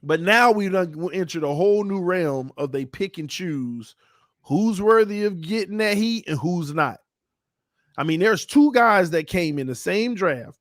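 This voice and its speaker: A man hosting a fan talk show, fired up and shouting as he rants. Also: high-pitched, animated, unhurried, no room sound, clean studio sound. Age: 30s. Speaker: fan channel host.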